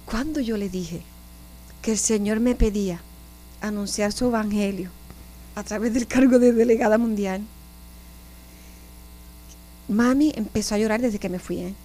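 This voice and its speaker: Warm-voiced Puerto Rican nun. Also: female voice, mid-range voice, normal speed, long pauses, a little hiss or hum. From Puerto Rico. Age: 50s. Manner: animated storyteller, often addresses listeners directly. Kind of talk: personal testimony in an interview.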